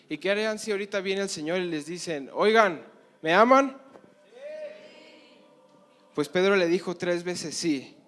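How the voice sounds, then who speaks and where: Impassioned young male preacher. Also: on the high side. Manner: impassioned storytelling, acts out Bible dialogue. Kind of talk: sermon. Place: conference hall.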